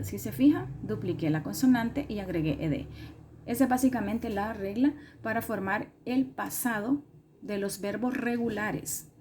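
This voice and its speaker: A woman's voice: mid-range voice, darkish tone, a little hiss or hum. Woman teacher, patient step-by-step lesson delivery, repeats key points and self-corrects. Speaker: English teacher. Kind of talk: recorded classroom lesson explanation.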